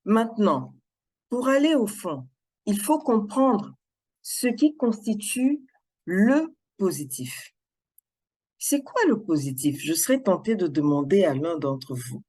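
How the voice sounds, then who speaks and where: Slow, measured woman giving a speech. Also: medium pitch, sing-song, darkish tone, breathy edge. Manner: measured, deliberate delivery. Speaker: club member giving a speech. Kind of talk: prepared public speech.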